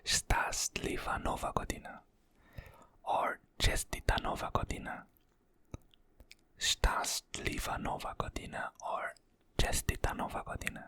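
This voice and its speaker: In a gentle ASMR whisper, the creator repeats phrases slowly and softly, apologizing along the way for how they pronounce things.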